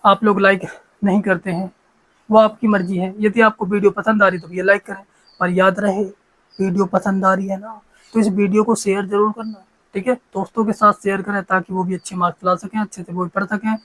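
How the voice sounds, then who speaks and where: A man's voice: sits high, flat delivery, fairly quick, fairly bright tone, rough recording. A man teaching a maths lesson, talking in a repetitive, coaxing way and often checking that students follow.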